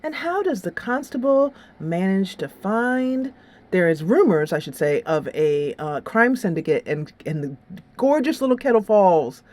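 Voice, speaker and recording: A woman hosting a gaming channel casually reviews a game and chats about an upcoming series, rambling with some dramatic rhetorical flourishes. Her medium-pitched voice is sing-song and darkish, at a measured pace. Music plays in the background.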